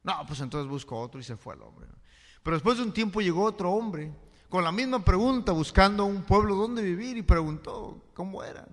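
A man's voice: sits high, expressive, moderate pace, fairly bright tone. A male pastor giving a conversational sermon, often checking in with the congregation through rhetorical questions. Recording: long hall reverb.

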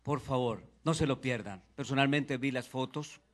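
A man's voice: medium pitch, normal speed. A man making a short announcement to a church congregation.

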